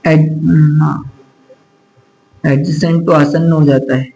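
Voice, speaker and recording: A man's voice: a little high, level tone, takes it slowly, a little mellow, low-quality recording. A man teaching a physics class, chatty and teasing, scolding students to focus and mixing in English terms. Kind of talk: classroom lecture.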